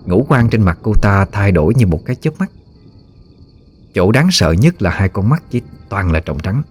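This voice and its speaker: A man narrating a ghost story in a steady, measured way. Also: lowish voice, husky, soft background music.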